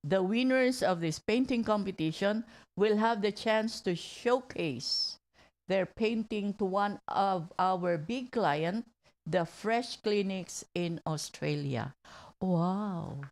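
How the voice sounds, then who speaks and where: A woman hosts a radio program, reading community announcements into a studio mic. She goes slowly and deliberately, tripping over words now and then. Her voice has a gravelly, creaky edge. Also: mid-range voice, darkish tone. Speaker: radio host.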